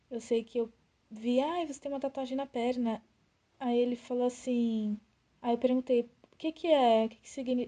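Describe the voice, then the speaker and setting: A young woman, casually telling a story on a podcast and acting out the dialogue in it. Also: on the high side. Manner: animated, acts out quoted dialogue. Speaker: podcast co-host.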